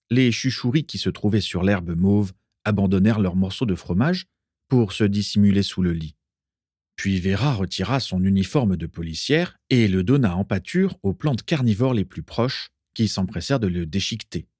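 A man reading a storybook aloud with expressive storytelling. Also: fairly low pitch, dry recording, studio quality. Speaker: narrator. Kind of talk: audiobook reading.

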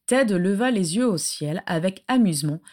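A woman narrating a story aloud with a lively, expressive reading. Her voice sits at an ordinary middle pitch for a woman. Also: normal speed. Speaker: audiobook narrator.

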